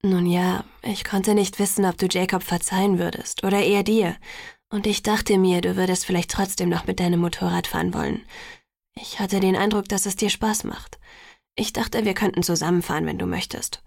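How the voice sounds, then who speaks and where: Audiobook: woman voicing a soft-spoken, tender young man, half-whispered, slightly gravelly. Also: fairly low pitch, steady tone, normal speed, no echo, studio quality. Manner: hushed and gentle, half-whispered. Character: calm, tender young man, softly reassuring. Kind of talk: audiobook character voice.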